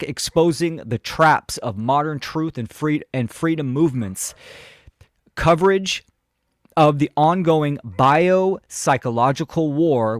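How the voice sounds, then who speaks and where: A man hosting an online conference from home, chatty, with fillers, speeding up and slowing down as he introduces the next speaker. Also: medium pitch, no echo, clean studio sound. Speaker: conference host. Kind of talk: casual event introduction. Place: at home with a dog nearby.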